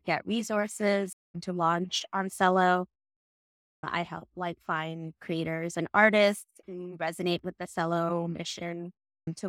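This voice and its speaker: Young woman, from Bangladesh, podcast guest, chatty, upbeat, filler-heavy, lowish voice, dry recording. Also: fairly bright tone, no room sound. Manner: chatty, upbeat, many "like" and "you know" fillers, light laughs. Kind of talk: casual podcast interview.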